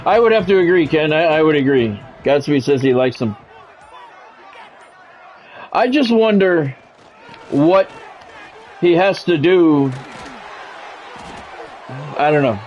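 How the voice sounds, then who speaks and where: This animated, slightly high-voiced man is live streaming a football video game, trading blunt casual chat for play-by-play and back. He stumbles along, often repeating himself. Faint music and a faint crowd sit under the lo-fi audio.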